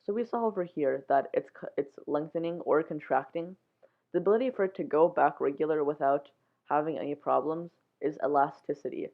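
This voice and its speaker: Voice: medium pitch, brisk, gravelly. A science show host giving a casual, informal explainer in plain steps. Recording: muffled, phone-like narrow sound.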